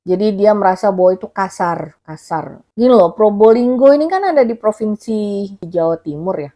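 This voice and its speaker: A woman's voice: mid-range voice, mellow. A woman vlogger giving casual, rambling spoken commentary, thinking aloud as she goes, recorded on a phone. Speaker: vlogger commenting on a viral case.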